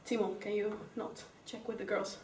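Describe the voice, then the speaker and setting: A woman's voice: medium pitch, flat delivery, moderate pace, background noise. A young woman with a Dutch accent, teaching an English grammar lesson step by step and calling on pupils by name. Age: young adult. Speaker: student teacher. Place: classroom. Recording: roomy classroom sound, mic far away.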